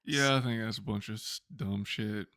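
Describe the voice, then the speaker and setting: A man's voice: on the low side, moderate pace, a bit bright, no echo, clean studio sound. A man co-hosting a podcast in casual chat, laid-back and blunt, cursing casually. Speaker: podcast co-host.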